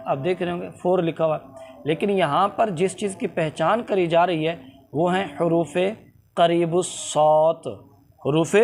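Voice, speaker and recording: A man teaching a tajweed lesson, explaining slowly and drawing out letter sounds to demonstrate them. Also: sits high, darkish tone. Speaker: Quran recitation teacher.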